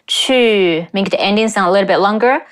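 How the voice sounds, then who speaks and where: A young woman from China hosting a reaction video, explaining and slowly demonstrating pronunciation and tones. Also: mid-range voice. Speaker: host and language teacher.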